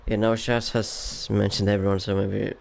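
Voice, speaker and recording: Lowish and creaky, with little pitch movement and a moderate pace, this voice belongs to a young Polish racing league commentator whose accent blends Polish and Finnish. Before calling a race, he chats and rambles on a voice call, sleep-deprived, laughing frequently and drifting off quietly mid-thought.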